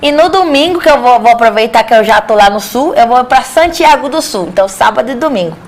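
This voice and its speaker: A woman's voice: a little high, animated, fast talker. A woman, a singer guest on a TV show, chatting bashfully and telling stories with giggles. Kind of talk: casual TV chat.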